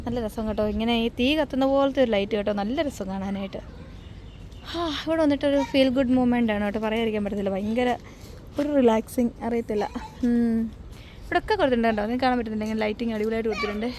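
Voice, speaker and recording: A woman's voice: a little high, quick pace, a little mellow, a little hiss or hum. A woman on a casual vlog walking through a farm at dusk, chatty, who keeps pointing things out to her viewers. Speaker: family vlogger.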